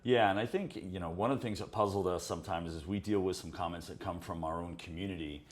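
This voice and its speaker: A man's voice: deep voice, fast. A man co-hosting a podcast, talking in a reflective, reassuring casual chat. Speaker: podcast co-host.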